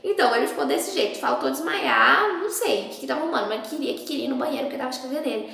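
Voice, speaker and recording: High, gravelly-voiced young woman in an echoey room. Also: racing. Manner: chatty and animated, acting out the people in her story. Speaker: vlogger. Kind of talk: casual storytelling to camera.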